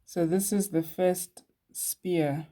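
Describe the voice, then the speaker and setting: Woman, low voice, very unhurried, beadwork tutorial host, chatty. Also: fairly even intonation, dark tone. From Eswatini. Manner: slow, chatty, laughs at herself. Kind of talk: casual craft tutorial.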